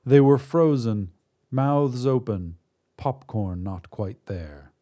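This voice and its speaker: Dark-voiced, wry male storyteller. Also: medium pitch, lively intonation, takes it slowly. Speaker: narrator. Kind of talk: scripted comic story narration.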